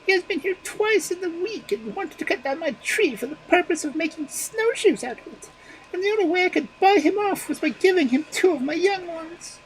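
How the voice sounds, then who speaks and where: A man doing a frantic little magpie from a fairy-tale book, her voice squeezed high and trembling. She begs and quavers, and her tone leaps all over the place. A faint hum sits behind her. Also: animated, a little fast, fairly bright tone, poor audio. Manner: shrill, quavering, imploring. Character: anxious, pleading mother magpie bird.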